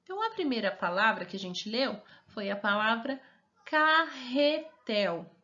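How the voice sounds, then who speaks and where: A woman teacher with a Brazilian Portuguese accent gives a remote lesson to young children, reading words slowly and stretching every syllable while asking coaxing questions. Her medium-pitched voice swings widely in pitch with a sharp tone, and the sound is lo-fi.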